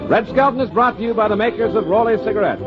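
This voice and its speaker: A man's voice: sits high, quick pace, over loud music. A man announcing a commercial on a 1940s radio show in an emphatic sales voice, heard through an old radio broadcast sound. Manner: emphatic, lively sales delivery. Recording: dull lo-fi 1940s radio recording.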